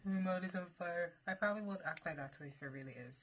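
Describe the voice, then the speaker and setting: Young woman, vlogger, chatty, lowish voice, noisy home recording. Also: fast. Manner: chatty, addresses viewers as y'all. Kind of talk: casual food-challenge vlog.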